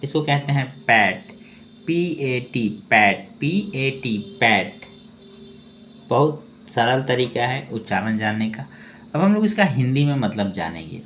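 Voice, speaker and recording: Slow and methodical, this male English teacher spells words out letter by letter before saying them again, often dropping "okay" between explanations in his spelling and reading lesson. His pitch is medium with big swings. The audio is dull and lo-fi, with faint background noise.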